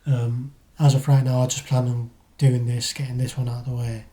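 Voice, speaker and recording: A British man giving a casual, matter-of-fact vlog update in a low-key way. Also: little pitch movement, brisk, dark tone. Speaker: vlogger. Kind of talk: casual vlog talk to camera.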